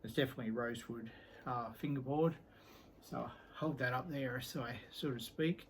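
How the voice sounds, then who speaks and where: Middle-aged male collector, casual and unhurried, mid-pitched, rambles with plenty of filler words, faint room hum behind. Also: low-quality recording. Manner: rambling and easygoing, with many ums and trailing sentences. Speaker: guitar collector showing his instruments. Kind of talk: casual show-and-tell vlog.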